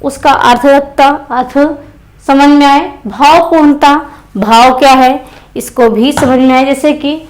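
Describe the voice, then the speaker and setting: A woman teacher's high voice carries an exam-prep grammar lesson. She goes step by step, repeats key phrases for emphasis and asks her students questions before she answers them herself. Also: a little slow, low-quality recording.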